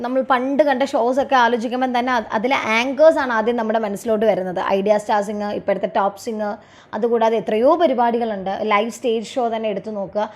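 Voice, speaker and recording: A young woman teacher with a Malayali English accent, slowly reading exam answers in English and explaining them in Malayalam. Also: a little high, steady tone. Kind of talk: exam revision lesson.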